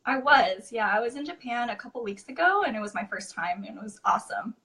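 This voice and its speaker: A woman's voice: a little high, lively intonation, fast, bright, forceful tone. Easygoing woman in her twenties. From California. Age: 20s. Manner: easygoing, frequent "you know" and "like". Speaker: guest. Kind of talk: casual interview chat.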